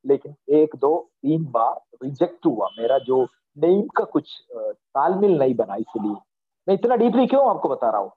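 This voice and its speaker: A man's voice: on the high side, big pitch swings, normal speed, breathy edge. A man leading a company meeting online, giving a motivational pep talk in an earnest, reassuring way and often checking that listeners agree. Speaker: company leader addressing members. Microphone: video call. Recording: tinny, phone-like video-call audio.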